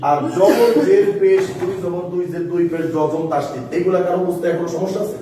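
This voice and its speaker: A man's voice: high-pitched, brisk, mellow, recorded from a distance, a little hiss or hum. A man teaching a Quran reading class, explaining step by step and asking the class questions. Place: mosque-side classroom. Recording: echoey room recorded from afar.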